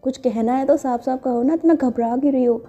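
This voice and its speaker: Gentle concerned young woman, voiced by a woman storyteller; mellow dark tone, lo-fi. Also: sits high, a little fast. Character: calm caring young woman, the love interest. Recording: dull lo-fi with faint music.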